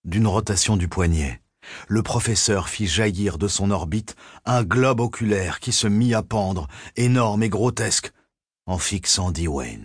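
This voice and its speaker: A man narrating a thriller audiobook in a measured, suspenseful reading. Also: fairly low pitch, husky, no echo, clean studio sound.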